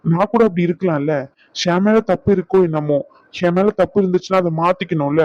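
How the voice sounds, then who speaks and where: A man's voice: high-pitched, brisk, dry recording, lightly acted. A man voicing a wounded, stubborn young husband in a Tamil audio drama, lecturing his wife in a stern tone. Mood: hurt. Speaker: husband Raghu, hurt and stern. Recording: dull, lo-fi dry recording.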